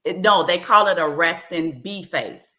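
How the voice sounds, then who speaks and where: A woman's voice: fairly low pitch, measured pace, pushed and bright. A woman author in an interview, talking openly and earnestly about her life, often repeating short phrases. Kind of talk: candid personal interview.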